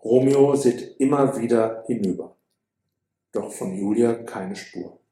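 Slow, mellow male storyteller. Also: mid-range voice, reverberant. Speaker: narrator. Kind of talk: audiobook storytelling.

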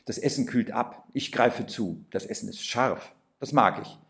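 A man calmly reading a first-person story aloud, gentle and unhurried, with a few lifted exclamations. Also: mid-range voice, vocal fry. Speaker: narrator.

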